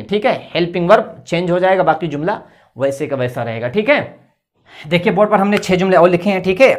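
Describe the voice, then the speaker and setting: Brief patient low-voiced woman teaching grammar. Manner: patient, repeats "okay" after each step and spells words letter by letter. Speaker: English teacher. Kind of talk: explaining grammar at a board. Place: indoor classroom with a board.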